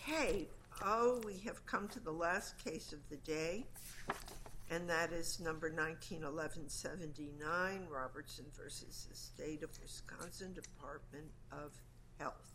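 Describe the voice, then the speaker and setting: A woman presiding as an appellate judge, putting deliberate, probing questions to counsel during oral argument. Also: low-pitched, background noise.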